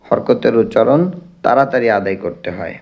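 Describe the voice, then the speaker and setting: A man's voice: fairly low pitch, gravelly, lo-fi sound. A man teaching Quran reading, drilling Arabic letter sounds one by one in an instructional lesson. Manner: recites Arabic in a drawn-out chant.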